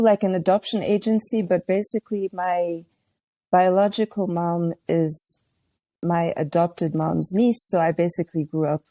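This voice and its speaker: A young woman from Tanzania, chatting in a relaxed way as a podcast guest, talking about her music with many fillers. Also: on the low side, no room sound. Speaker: guest, R&B singer and songwriting coach. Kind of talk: casual chat.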